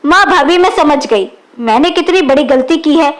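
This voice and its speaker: A woman reading the lines of a young married woman who is quick to anger and later sorry, in a storybook reading. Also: high voice, animated. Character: young married woman, hot-tempered then remorseful.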